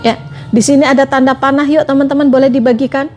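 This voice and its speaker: A woman's voice: sits high, fairly even intonation, fast, darkish tone, soft background music. A woman preaching on a livestream, talking to her listeners as friends in a repetitive, coaxing way. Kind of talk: livestream religious talk.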